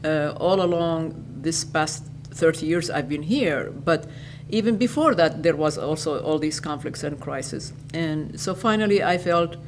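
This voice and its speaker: An older woman from Iraq, an educator giving interview answers in a lecture hall, speaking in a measured way and restating her phrases. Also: deep voice, slight background noise.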